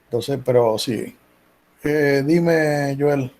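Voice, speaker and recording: A male math professor teaches set theory over a video call, taking his time and frequently asking whether his students are following. He speaks very slowly in a mid-range, slightly mellow voice.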